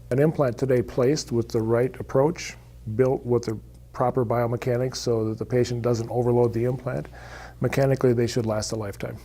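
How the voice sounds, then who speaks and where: A man, a dentist, answering interview questions in a matter-of-fact, brisk way. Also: medium pitch, dark tone.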